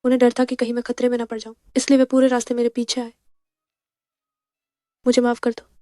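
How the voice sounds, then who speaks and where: An actress dubbing a clever young woman who speaks calmly and firmly. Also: a little high, no room sound, studio quality, lightly acted. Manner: calm and firm, quick delivery. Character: cool, clever young woman outsmarting a rival. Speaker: heroine. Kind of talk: Hindi dub of a drama.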